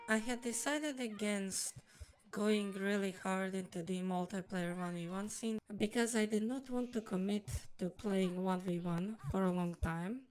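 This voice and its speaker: A woman's voice: mid-range voice, a little mellow, poor audio. A woman speaking through a voice changer, giving a rambly personal game review in formal, wordy phrasing. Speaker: streamer and video reviewer.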